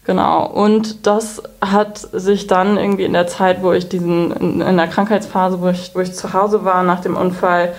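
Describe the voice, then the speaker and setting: A woman in her thirties, a guest in a relaxed interview, telling her story openly and candidly with frequent restarts. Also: fairly low pitch, normal speed, few pauses. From Germany. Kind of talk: conversational interview.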